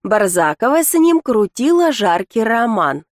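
A woman narrating a first-person audiobook in an even storytelling manner. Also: on the high side, measured pace, dry recording, clean studio sound.

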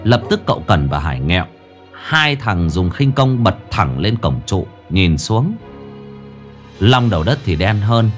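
Animated male narrator for a comic tale, faint music. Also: on the low side, a little slow. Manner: lively, comic storytelling. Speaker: storyteller. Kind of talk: audio story narration.

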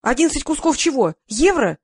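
A woman's voice: high-pitched, very animated, a little fast, no echo, pitched above the performer's own voice. A woman voicing a bossy press secretary friend, talking in an urgent, commanding way on the phone.

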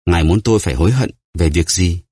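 A man voicing a terrified, starving greedy prisoner who pleads and stammers, in a husky voice. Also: low-pitched, fast, darkish tone, dry recording, clean studio sound. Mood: pleading.

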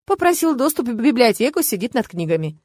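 A woman voicing a confident, teasing young male emperor in an audiobook, with a lively, raised delivery and a wry edge. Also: a little high, fast talker, slightly rough, dry recording, studio quality, pitched above the performer's own voice. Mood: assured, teasing.

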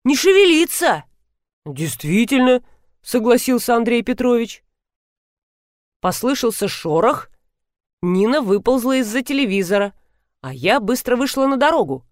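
A woman's voice: a little high, moderate pace, long pauses, no echo, studio quality. Woman reading a comic story aloud. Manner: lively storyteller, animated reading. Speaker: audiobook narrator. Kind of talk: expressive audiobook narration.

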